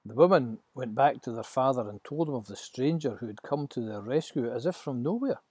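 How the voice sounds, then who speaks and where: Husky, dark-voiced male storyteller. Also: mid-range voice, brisk, dry recording. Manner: dramatic, expressive storytelling. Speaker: narrator. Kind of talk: scripted storybook narration.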